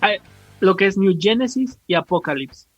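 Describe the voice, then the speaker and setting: Sitting high in pitch, this man's voice is animated and slightly rough. With a Mexican accent, he co-hosts a podcast, unpacking comics lore informally and slangily, frequently restarting and self-correcting, over faint music in a dry, lo-fi recording.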